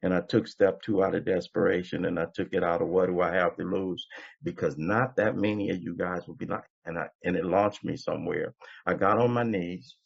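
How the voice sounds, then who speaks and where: A man's voice: deep voice, fairly even intonation, brisk, vocal fry, husky. A man in his seventies giving an impassioned, preacher-like testimony at a recovery meeting, repeating phrases for emphasis. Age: 70s. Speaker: guest speaker at a recovery meeting. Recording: dull lo-fi recording.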